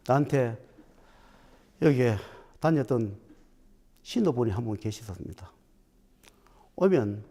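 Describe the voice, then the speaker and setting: A man's voice: mid-range voice, dark tone. A man, a Buddhist dharma teacher, telling stories in a talk and acting out the quoted dialogue. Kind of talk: storytelling talk.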